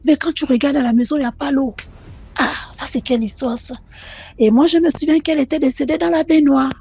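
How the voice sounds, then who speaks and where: A woman telling her own mystical experience in an animated, repetitive way, speaking directly to the channel. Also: high-pitched, brisk, creaky. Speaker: caller sharing a personal story. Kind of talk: personal testimony storytelling.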